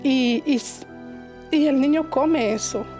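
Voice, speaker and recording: A woman tells her testimony in church, her voice pitched a touch high yet mellow and warm. She speaks with emotion, halting and doubling back on her words. Soft music plays faintly beneath her. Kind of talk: personal testimony.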